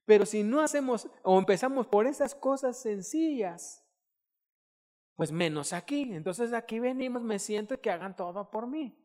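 A middle-aged man preaching a sermon, animated, acting out quotes and breaking into loud shouted bursts. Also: high-pitched, moderate pace. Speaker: pastor. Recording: long hall reverb.

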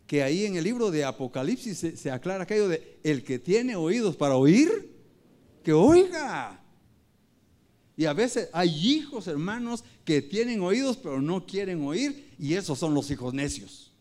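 A man preaching a sermon, addressing the congregation as brothers and parents and quoting scripture with rising force. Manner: lively, swings pitch and loudness for emphasis.

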